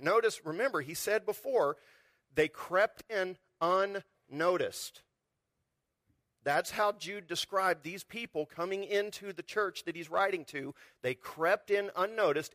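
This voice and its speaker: A male pastor preaching a sermon in an animated, conversational way, often asking the congregation rhetorical questions. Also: high voice, no room sound, clean studio sound.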